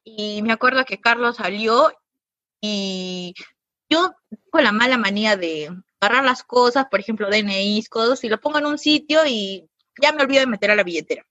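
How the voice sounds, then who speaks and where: A woman, a podcast guest telling stories in casual chat, animated and laughing often. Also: a little high, moderate pace, no echo. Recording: dry, dull lo-fi recording.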